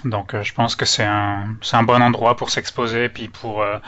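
A man from France, whose French accent carries Canadian-influenced intonation, gives an informal technical presentation as a user group organizer. His fairly low voice is flat, moderately paced, pushed and bright, and he comes across as hesitant and nervous. The audio is a dull, lo-fi online call picked up by a meeting microphone.

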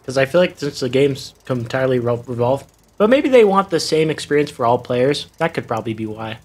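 A young man casually commenting while he plays a video game, chatty and quick to react and laugh. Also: mid-range voice, sing-song, a little mellow. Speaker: gaming YouTuber. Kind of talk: casual let's play commentary. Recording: game music behind the voice. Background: game music.

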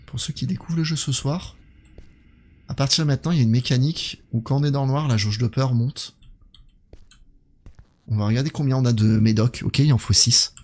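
Man chatting through a horror game. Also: mid-range voice. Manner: chatty, thinks aloud and speaks to viewers. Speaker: gaming streamer. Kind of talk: live let's play commentary.

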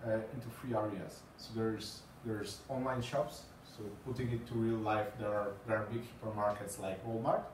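This conference speaker from Poland, a man in his thirties, talks with a Polish accent and a fairly low, evenly intoned voice at a moderate pace, barely pausing yet stumbling over fillers and repeated words. He is presenting to a small group in a small green-walled meeting room with a screen. Recorded from afar by a camera with no mic in sight, the audio is echoey with slight background noise.

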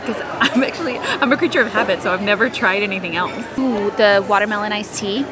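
A young woman vlogging to a handheld camera, chatty and excitable, talking in a car and outdoors. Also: mid-range voice, quick pace, over a noisy crowd. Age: young adult. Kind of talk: casual vlog chat. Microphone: handheld camera at arm's length.

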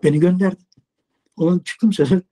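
A man, a long-haul truck driver, telling a lively casual story in an interview, acting out dialogue and swearing casually. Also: high voice, moderate pace. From Turkey.

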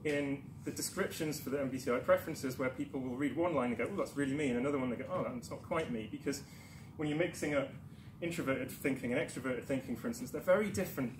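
A man from Newcastle, England, gives a conference presentation in a darkened lecture room, his medium-pitched voice fast with few pauses. He's chatty and self-deprecating, full of ums and restarts. Captured by a far camera, the audio is echoey with background noise.

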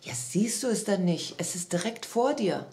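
A woman voicing a kindly old grandfather creature who speaks low and slow, gently explaining things. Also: animated, lightly acted. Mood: patient.

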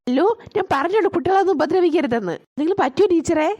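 A woman's voice: very high-pitched, animated, fast, darkish tone, highs cut off. A woman voicing a mother in a cartoon who chats with the teacher and scolds her son. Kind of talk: cartoon voice acting.

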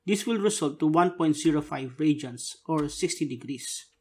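A man's voice: a little high, lively intonation, normal speed, a little mellow. A man narrating a scripted tutorial, dictating step by step and spelling out keys and symbols in short, separate phrases.

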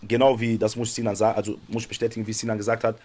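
A man's voice: on the low side, little pitch movement, very fast, a little mellow. A man chatting casually in a group discussion, with a teasing, amused manner. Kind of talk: casual panel chat.

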